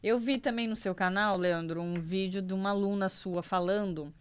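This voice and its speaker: A woman's voice: medium pitch, moderate pace, clean tone, no room sound. A Brazilian woman with a Brazilian Portuguese accent, a holistic psychotherapist hosting a podcast who listens attentively and asks questions. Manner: attentive, many affirming "uhum" and "legal". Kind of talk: podcast interview.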